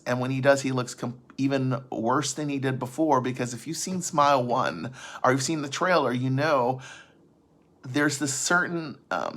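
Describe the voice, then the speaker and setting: A man's voice: medium pitch, a bit bright. A man casually recapping a film's plot for his vlog audience, rambling, often restarting sentences and adding asides. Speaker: vlogger recapping a film.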